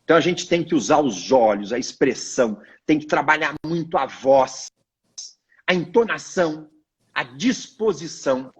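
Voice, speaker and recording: Husky man, emphatic lecturing tone. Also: moderate pace. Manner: didactic, emphatic, expressive pitch swings. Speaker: lawyer guest. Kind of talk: live video chat advice.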